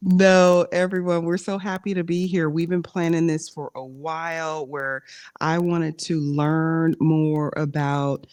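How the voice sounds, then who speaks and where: Low-voiced chatty woman podcast host. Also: level tone, unhurried, darkish tone, clean tone, dry recording. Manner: chatty, jokey, with frequent fillers and laughs. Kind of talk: casual video podcast interview.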